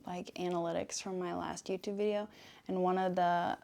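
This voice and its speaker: A woman's voice: on the low side, level tone, normal speed, creaky, dark tone. A woman chatting casually for ASMR while brushing a cat, rambling playfully and slipping into affectionate talk to her pet. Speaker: vlogger making ASMR videos. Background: cat purring.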